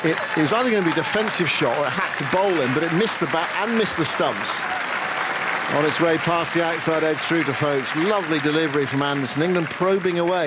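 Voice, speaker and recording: Man commentating live cricket over outdoor noise. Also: a little high. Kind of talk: live ball-by-ball cricket radio commentary mixed with casual chat. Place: commentary box at a cricket ground. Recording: outdoor ground noise behind voice.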